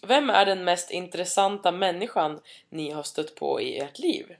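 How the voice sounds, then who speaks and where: A young woman, co-hosting a casual podcast chat, hesitant and self-mocking, quick to laugh. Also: on the low side, expressive, vocal fry. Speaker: podcast co-host.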